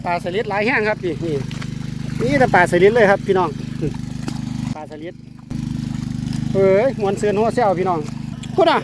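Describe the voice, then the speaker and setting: Out at a rural pond, a man with an Isan accent from Northeastern Thailand hosts a fishing vlog, keeping up a casual, exclamatory commentary full of repeated words. He talks at an ordinary pace in a high, expressive voice, pausing frequently, with some background noise.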